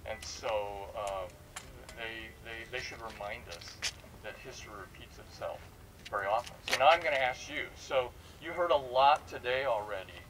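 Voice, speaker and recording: A man with a mid-range, fairly bright voice talks at a normal speed, informally leading a discussion with students as a panel speaker, probing with questions and repeating words. The mic is distant and the room is noisy.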